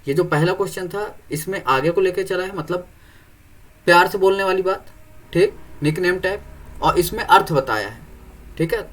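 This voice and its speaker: A man's voice: sits high, moderate pace, a bit bright. A young man teaching an exam-prep reasoning lesson, explaining step by step and often asking whether students follow. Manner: explains step by step, keeps checking "clear?".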